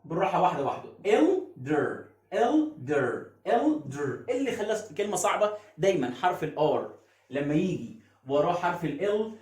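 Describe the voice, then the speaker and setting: An English teacher with an Egyptian Arabic accent explains pronunciation, asking himself questions and answering them. His voice sits high, and he repeats words slowly. The room gives a clear echo. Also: lively intonation. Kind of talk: phonics lesson explaining pronunciation.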